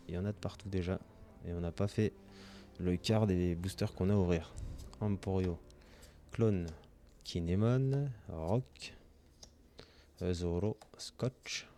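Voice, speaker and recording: A man's voice: deep voice, warm tone. A man hosting his own channel, opening trading card packs in casual commentary, reading off card names and gushing with delight over his pulls.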